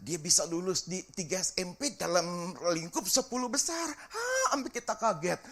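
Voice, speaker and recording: A middle-aged man, a pastor preaching a sermon and telling a family story with lively acted-out dialogue. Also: high-pitched, normal speed. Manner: animated storytelling, acts out family dialogue, sings briefly.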